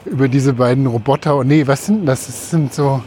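A man's voice: medium pitch, brisk, mellow. A man co-hosting a casual podcast, talking as he walks along outdoors. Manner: talking while on the move outdoors. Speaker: podcast co-host. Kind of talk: casual podcast chat while walking. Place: outdoors on a city route beside railway tracks. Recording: outdoor ambient noise, passing vehicles.

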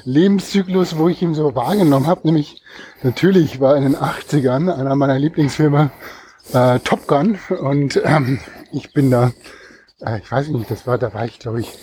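A middle-aged man co-hosting a casual podcast, telling stories haltingly as he talks while running outdoors. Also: fairly high pitch, warm tone, slight background noise. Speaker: podcast co-host. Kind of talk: casual storytelling chat. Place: outdoors, on the move.

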